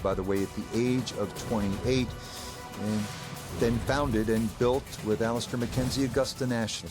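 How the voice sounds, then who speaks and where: A man working as a golf commentator in a video game, calling play in measured, short broadcast phrases. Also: mid-range voice, close to an everyday voice. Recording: music behind the voice. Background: music.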